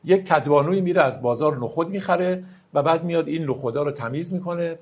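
Gravelly man teaching poetry. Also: on the high side, darkish tone. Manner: reads verses slowly and drawn out, explains in quick asides. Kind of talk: lecture with slow poetry recitation.

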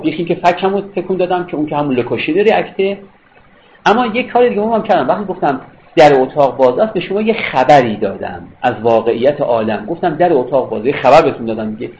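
A man's voice: on the high side, darkish tone. A man giving a philosophy lecture, explaining step by step, rephrasing points and checking that listeners follow. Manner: explanatory, repeats and rephrases, checks understanding with questions. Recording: dull lo-fi recording with faint noise.

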